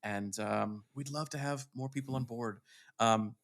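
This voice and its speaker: A man's voice: mid-range voice, measured pace, gravelly, a bit bright. A man hosting a podcast, talking in a thoughtful, easygoing way with many fillers. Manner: thoughtful, full of fillers and restarts. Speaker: podcast host. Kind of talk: casual chat.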